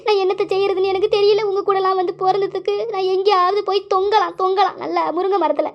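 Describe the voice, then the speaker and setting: A woman's voice: high-pitched, fast talker, lo-fi sound. A woman voicing a grasping, jealous middle-aged village aunt in a cartoon, scolding and wheedling. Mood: wailing. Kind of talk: cartoon voice acting.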